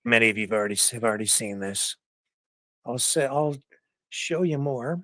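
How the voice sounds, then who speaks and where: A man's voice: mid-range voice, expressive, moderate pace, a bit bright, dry recording, clean studio sound. A man hosting a casual news livestream, rambling and chuckling while he searches for clips.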